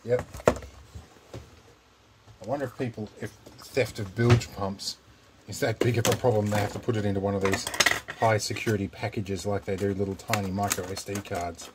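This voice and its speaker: Low-voiced Australian man, chatty DIY vlogger. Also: very noisy. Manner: chatty, rambling, wry asides. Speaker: repair channel host. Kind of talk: casual unboxing and how-to vlog.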